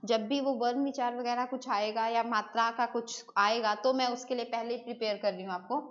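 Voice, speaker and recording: Her voice sits on the high side as a woman runs a live online lesson on Hindi grammar, talking casually, responding to messages from students, and blending in English. The recording has its highs cut off.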